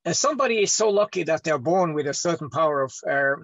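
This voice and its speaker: A man from Northern Scandinavia, talking loudly in broken English as an interview guest while lying down away from the microphone. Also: animated, fast talker, dry recording, lo-fi sound. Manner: speaks loud toward a distant mic, broken English, swings between deep and high. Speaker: healer interviewee. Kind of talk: rambling interview monologue. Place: lying down indoors. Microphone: microphone set away from his head.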